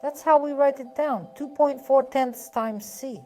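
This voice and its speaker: A woman whose voice sits high and a little mellow teaches math at a slightly slow pace, going patiently and methodically through each step. She often raises a question and then answers it herself, with soft music playing underneath.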